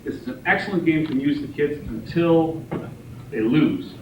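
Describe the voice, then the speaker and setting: Guy joking thru a class talk on car games, kinda high voice, far off in an echoey room. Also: moderate pace, background noise. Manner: joking, relaxed, many ums and laughs. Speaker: presenter teaching car games. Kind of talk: informal class presentation. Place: room with a small group.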